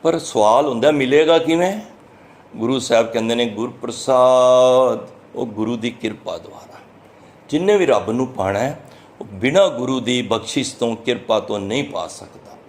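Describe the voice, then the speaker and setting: A man's voice: medium pitch, a little hiss or hum. Earnest Punjabi man preaching. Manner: earnest, explanatory, chants verses slowly then explains them. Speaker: Sikh preacher giving scripture commentary. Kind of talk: sermon, explaining scripture verse by verse.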